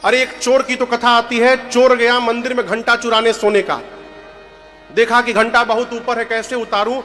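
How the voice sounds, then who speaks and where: A male religious storyteller with a high, bright, forceful voice delivers a devotional sermon. He tells the story with animation and keeps putting questions to his listeners. Soft accordion music plays faintly behind him. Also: flat delivery, moderate pace. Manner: breaks into sung verse.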